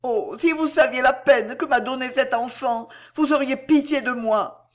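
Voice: medium pitch, takes it slowly, pitched above the performer's own voice, lightly acted. A reader voicing a poor grieving mother who begs tearfully in a storybook reading. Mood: pleading, tearful. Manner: tearful, begging. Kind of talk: audiobook character voice.

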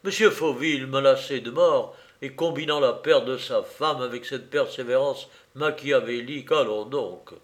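A man's voice: medium pitch, normal speed, hardly any pauses, close to an everyday voice. A man doing an indignant police prefect. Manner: indignant, emphatic, stumbling protests. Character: agitated man, a police prefect, middle-aged.

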